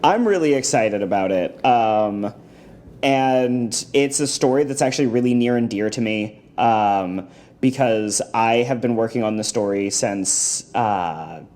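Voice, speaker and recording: A man talking as a podcast guest in casual chat, playful and quick to laugh, with many hesitant fillers. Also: medium pitch, a little mellow.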